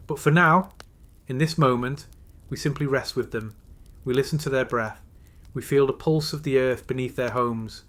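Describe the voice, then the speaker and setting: Man narrating a slow, soothing sleep story. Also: medium pitch. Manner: slow, soothing, measured delivery with pauses.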